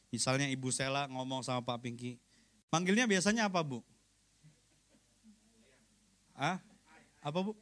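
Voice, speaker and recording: A man's voice: medium pitch, moderate pace, long pauses, fairly bright tone. A man, a pastor, preaching a sermon in a conversational, joking way, often turning to the congregation and acting out everyday exchanges. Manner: acts out short everyday exchanges.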